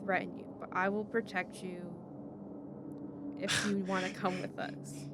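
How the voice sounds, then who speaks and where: A woman voicing a big but gentle, protective female adventurer in a tabletop game. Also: medium pitch, flat delivery, a little slow, heavy background noise, natural voice. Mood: gentle, reassuring. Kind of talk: tabletop game role-play.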